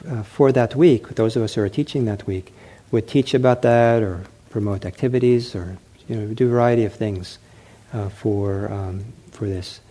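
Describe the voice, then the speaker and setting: This lowish-voiced middle-aged man teaches meditation, delivering a dharma talk in a meditation center hall. His pace is gentle and unhurried, with frequent filler pauses and phrases he starts over.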